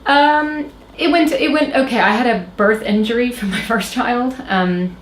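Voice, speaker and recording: A woman from Oklahoma in her thirties, voice on the high side, tells a personal story at a measured pace as an interview guest. Her American accent has a slight Irish lilt, and she hesitates a lot, with fillers and restarts. There's a roomy echo and faint background noise.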